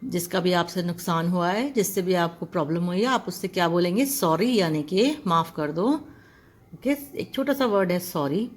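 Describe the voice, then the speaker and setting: A woman's voice: fairly low pitch, lively intonation, moderate pace. A woman teaching an English lesson, spelling words out letter by letter and drawing out each sound. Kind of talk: classroom-style language lesson.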